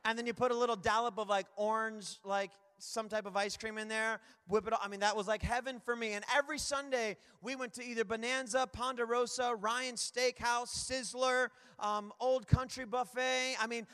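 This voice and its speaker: A man preaching a lively church sermon, rambling and energetic, calling out to the congregation. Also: very high voice, moderate pace, few pauses, clean tone. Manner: energetic, rambling, calls out to the crowd. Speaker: guest preacher. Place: church hall. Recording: long hall reverb.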